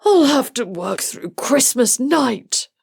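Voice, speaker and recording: Woman acting old Santa, storybook figure, overwhelmed, gravelly, very drawn-out delivery, light music behind. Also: high voice, big pitch swings, pitched above the performer's own voice, heavily acted. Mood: weary, despairing. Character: weary, overwhelmed old Santa Claus, despairing.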